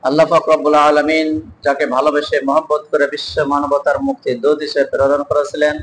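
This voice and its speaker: A man teaching an evening Quran reading class, patiently drilling each letter slowly and calling on students to repeat after him. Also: on the high side, completely flat delivery, a little hiss or hum, rough recording.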